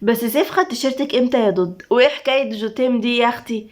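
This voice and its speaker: A woman's voice: fairly high pitch, racing, lightly acted. A woman reading the part of a teasing, sarcastic young Egyptian woman in a spoken story, with an Egyptian accent. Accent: Egyptian Arabic.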